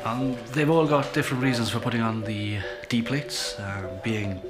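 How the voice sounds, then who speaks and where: A man's voice: medium pitch, fairly even intonation, normal speed, loud music behind the voice, natural voice. An actor playing an awkward, rambling language tutor in his thirties with a Welsh accent, hesitant and a little patronising. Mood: earnest. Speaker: language teacher. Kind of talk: mockumentary comedy interview.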